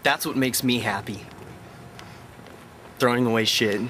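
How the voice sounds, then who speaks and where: A man's voice: mid-range voice, a little slow. A man on a forest hike, swearing in mock outrage during comic vlog banter, filmed on a handheld camera outdoors. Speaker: hiking companion. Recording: loud outdoor noise.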